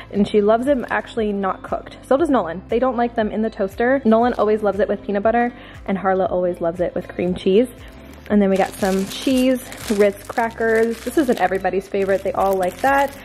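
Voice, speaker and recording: A woman's voice: medium pitch, a little mellow. Chatty woman showing off her groceries. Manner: chatty, friendly, talks straight to viewers. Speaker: family vlogger. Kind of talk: casual grocery haul chat. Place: large home kitchen, indoors.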